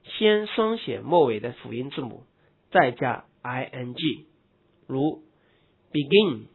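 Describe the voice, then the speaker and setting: Slow, husky male grammar teacher. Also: a little high. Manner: slow, deliberate, spells words letter by letter. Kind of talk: explaining spelling rules, spelling out letters. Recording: tinny phone-like recording.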